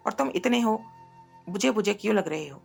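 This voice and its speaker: A woman's voice: medium pitch, animated, normal speed, vocal fry, faint music behind. A woman voicing an elderly, protective grandmother who soothes and dotes, in a storybook reading. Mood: fond. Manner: doting and soothing.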